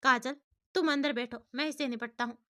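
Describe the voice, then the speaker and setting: A protective young man barks orders in a bright, forceful voice, read by a woman storyteller. He sounds hot-tempered and commanding, a storybook hero. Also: high voice, steady tone, moderate pace. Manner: commanding, shouting in anger.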